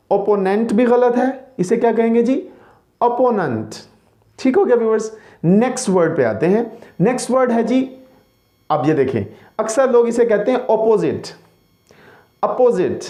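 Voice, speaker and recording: An English pronunciation teacher with an extremely high-pitched, warm voice leads a slide-based language lesson. He repeats every word patiently and keeps checking in with viewers.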